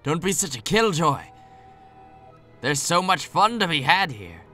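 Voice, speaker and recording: A man voicing a rowdy, brutish male pirate grunt in a game playthrough, speaking bluntly and roughly. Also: on the high side, very animated, measured pace, bright, forceful tone, faint music behind, full character voice.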